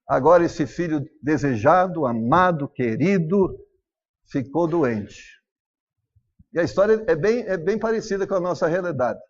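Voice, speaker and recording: Animated high-pitched Brazilian pastor preaching. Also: male voice, a little slow, highs cut off. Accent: Brazilian Portuguese. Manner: animated preaching, acts out family dialogue. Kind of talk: sermon.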